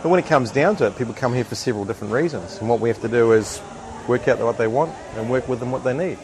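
A man's voice: mid-range voice, fast talker. A man in his fifties with a New Zealand accent, a restaurant manager talking confidently and in a businesslike, upbeat way in an outdoor courtyard. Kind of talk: promotional interview. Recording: noisy outdoor ambience with traffic.

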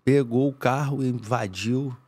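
A man, a podcast guest telling a family story in a lively, casual way. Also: mid-range voice, measured pace. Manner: animated storyteller who acts out voices.

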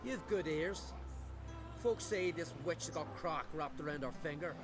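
An actor playing a brash island brawler in a video game who talks bluntly and taunts with folksy, old-fashioned speech. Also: male voice, fairly high pitch, unhurried, lightly acted. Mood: scornful. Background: game music.

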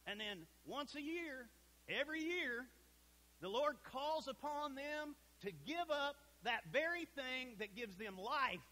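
Bright-voiced preacher, folksy and emphatic. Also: male voice, very high voice, animated, slow pace, poor audio. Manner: folksy, emphatic preaching with dramatic drops to a hush. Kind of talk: sermon. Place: church sanctuary.

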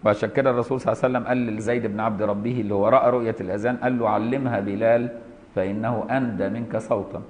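A middle-aged man with an Egyptian Arabic accent teaching an Islamic jurisprudence lesson, switching between formally reading a text and lively colloquial explanation, checking in with his students. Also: on the low side, racing, lo-fi sound, slight background noise. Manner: asks students rhetorical checks. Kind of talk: classroom lesson on a commentary text.

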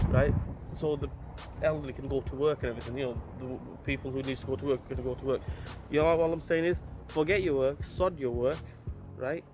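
A man in his thirties talks excitedly to a camera held at arm's length, keeping up a chatty running commentary. His voice sits a little high for a man. Clear background music plays under him. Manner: chatty, excitable, says "right?" and "let's go" often. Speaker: vlogger. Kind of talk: casual vlog to camera. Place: car, outdoors in town and by a river, shop. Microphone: phone or action camera held at arm's length.

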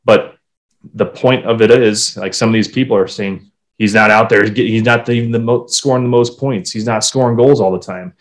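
A podcast co-host with a lowish voice, speaking at normal speed, chats casually about hockey. He's animated, swears, and reads quotes aloud.

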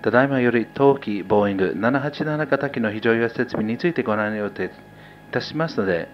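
A man working as a flight attendant, reading a formal announcement over an airliner's cabin loudspeaker, with small slips. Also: mid-range voice, racing. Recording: muffled PA with faint cabin hum.

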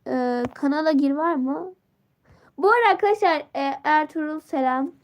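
A woman's voice: high voice, normal speed. A teenage girl chatting on a casual live stream, greeting viewers and reading out comments, her voice worn from a sore throat and a stuffy nose.

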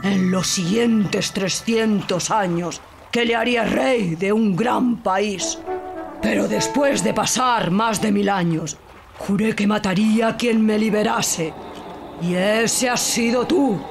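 A giant male genie voiced by a storyteller speaks in a slow, booming, drawn-out way, louder than the narration around him. His voice has an odd, altered timbre that sets him apart. Music plays in the background of this storybook telling. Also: creaky. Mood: menacing, booming. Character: huge boastful male genie, menacing then pleading. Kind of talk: storybook character voice.

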